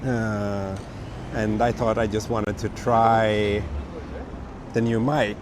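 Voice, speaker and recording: On a night walk through busy city streets, a livestream host chats in a relaxed way and reads out viewer comments, his fairly low voice hoarse and a bit broken from a cold and his pace slow. City traffic and street noise come through clearly on his small wireless clip-on mic.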